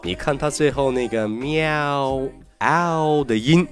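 A young man teaching English pronunciation, explaining in Chinese and modeling phrases slowly. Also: mid-range voice. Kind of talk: online pronunciation lesson.

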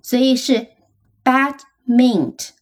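Lady radio teacher doing a vocab lesson, slightly high voice, spells words out letter by letter, unhurried. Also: steady tone.

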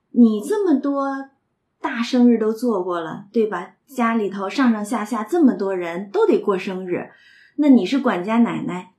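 A woman's voice: fairly high pitch, dark tone, natural voice. A woman voicing an evasive, henpecked nobleman husband, bantering and placating while retelling a story.

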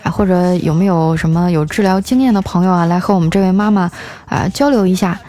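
Her voice is fairly low, warm and fast. As a radio-style podcast host, she reads listeners' messages aloud and responds with playful teasing and frequent laughter, with faint background music behind her.

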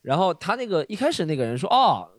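A man's voice: high-pitched, sing-song, fast talker, dry recording, studio quality. A man hosting a podcast, telling a story in casual chat, acting out the quoted lines and laughing often. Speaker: podcast host.

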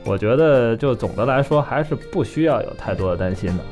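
A man's voice: medium pitch, animated, fairly quick, darkish tone. A man from China with a Beijing accent, chatting casually as a guest and telling family stories in a colloquial, joking way. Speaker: guest, father sharing family travel stories. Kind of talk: casual conversational storytelling. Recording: music behind the talk.

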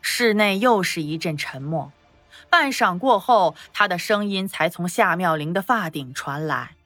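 A woman giving expressive scripted narration for a palace audio drama. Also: on the low side, a little slow, no room sound, soft background music.

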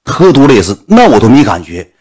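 A man's voice: medium pitch, big pitch swings, quick pace. A man with a Northeastern Mandarin accent, a livestreamer telling a crude comic story full of sound effects.

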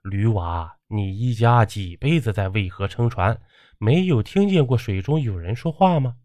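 A stern old country doctor talks firmly and bluntly, played by a male storyteller. His low voice moves through a lively range. It sounds dry and close. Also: moderate pace, no echo, lightly acted. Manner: firm, blunt.

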